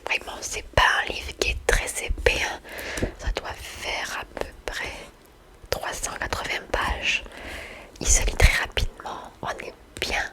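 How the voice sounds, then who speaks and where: Woman doing asmr book haul, all whispered, quiet library whisper, chatting and reading aloud. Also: unhurried, low-quality recording. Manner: soft library-like whisper throughout. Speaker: book haul video host. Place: indoors, in front of bookshelves.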